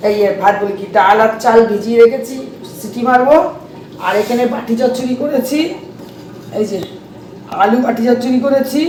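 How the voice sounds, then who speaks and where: A middle-aged woman with a hoarse voice, chatting casually to her viewers in a home vlog and walking them through the dishes. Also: fairly high pitch, a little mellow, echoey room, a little hiss or hum. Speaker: vlogger.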